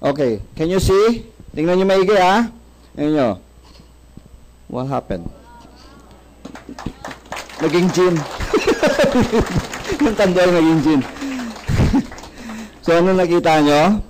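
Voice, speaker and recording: A man's voice: high voice, lively intonation, a little slow, long pauses, darkish tone, rough recording. A man with a Filipino accent giving a live health product presentation, asking the audience questions, answering them himself and joking with them. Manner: jokes and laughs with the audience.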